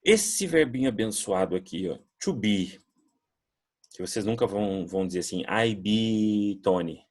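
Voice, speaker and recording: With a fairly low pitch, lively intonation, and a moderate pace, this Brazilian man teaches English in a recorded classroom lesson. Patient throughout, he explains words and demonstrates pronunciation drills.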